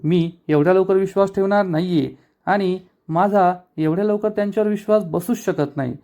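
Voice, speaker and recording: A man's voice: high voice, a little fast, warm tone, pitched above the performer's own voice. A man voicing a wary, stubborn young husband from a TV serial, dry and doubtful.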